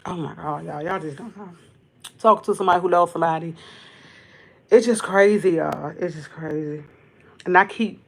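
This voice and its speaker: A woman hosting a livestream, tearful and fighting back crying, talking in a halting, earnest way that keeps repeating itself. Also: fairly low pitch. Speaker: livestream host. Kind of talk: emotional livestream monologue. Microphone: camera.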